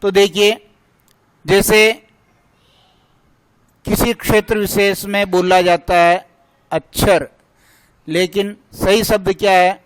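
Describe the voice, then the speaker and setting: A man's voice: sits high, level tone, slow, long pauses, clean tone, dry recording, low-quality recording. A male teacher giving a grammar lesson, drilling points by asking a question and answering it himself.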